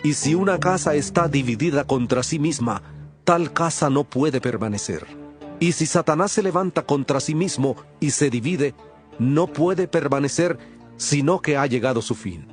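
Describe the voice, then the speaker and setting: A man voicing Jesus as a calm, authoritative teacher in a dramatized audio Bible, with a measured, solemn delivery. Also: a little high, soft background music, natural voice.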